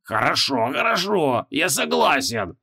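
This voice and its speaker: A man reading an audiobook, voicing a weary, sardonic male demon prisoner in a low, subdued drawl. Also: sing-song, a little slow, gravelly, pushed and bright, full character voice. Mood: pleading.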